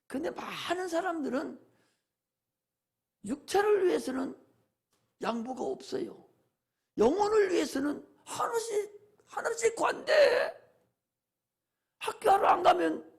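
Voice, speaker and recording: Man playing a pastor with a very high, gravelly voice, impassioned sermon, swings from loud exhortation to hushed asides. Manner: repetitive preaching cadence.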